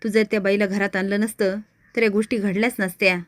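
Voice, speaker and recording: A woman's voice: mid-range voice, flat delivery, fast, dry recording, close to an everyday voice. A woman reading out the lines of an angry younger son who blames his grandmother. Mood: accusing. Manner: accusing.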